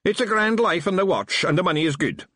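A man's voice: sits high, animated, quick pace, a bit bright, slightly rough, dry recording, clean studio sound, pitched above the performer's own voice, exaggerated voice. A man voicing a tiny cheerful male Feegle policeman who loves culture, with a broad Scottish accent and a chirpy, boastful manner.

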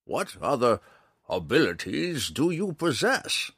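A man voicing a stern, gruff male woodland hermit who scolds in a raised, high voice. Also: sing-song, slow, fairly bright tone, dry recording, clean studio sound, full character voice. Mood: scolding.

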